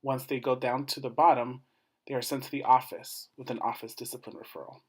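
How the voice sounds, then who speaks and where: Guy doing a formal dissertation defense talk, scripted, measured short phrases, medium pitched voice. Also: little pitch movement. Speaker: doctoral student presenting a dissertation defense. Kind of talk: formal scripted academic presentation.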